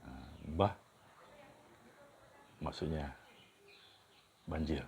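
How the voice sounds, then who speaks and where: A man teaches in an informal, explanatory way. His voice is low and mellow, and he takes his time, repeating words alongside their meanings. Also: extremely slow, slight background noise. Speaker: teacher of Kedah dialect words. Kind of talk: informal dialect lesson with example sentences.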